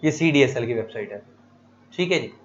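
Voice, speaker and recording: A man's voice: medium pitch, animated, a little fast, dull audio, a little hiss or hum. A man teaching an exam-prep lecture, asking questions and answering them himself, repeating key terms.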